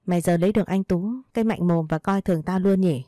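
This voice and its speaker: A woman's voice: lowish voice, fast, warm tone, no echo, studio quality, natural voice. A woman reading the lines of a rude, bossy former sister-in-law who speaks bluntly and insultingly. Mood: scornful. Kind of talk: read storybook dialogue.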